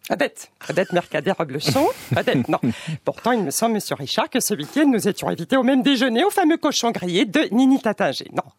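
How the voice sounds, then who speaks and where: A woman's voice: very animated, fairly quick, a little mellow, slightly rough. A woman voicing a snobbish, gushing rich French society lady with a French accent, in a radio comedy sketch. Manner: affected, gushing, swooping pitch. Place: radio studio.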